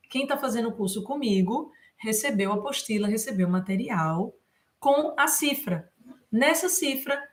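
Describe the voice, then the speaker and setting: A woman's voice: mid-range voice, a bit bright. A woman music teacher giving a live guitar lesson, who sings short mantra lines and then patiently explains the chord changes, with frequent fillers. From Brazil. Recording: faint guitar playing behind the voice.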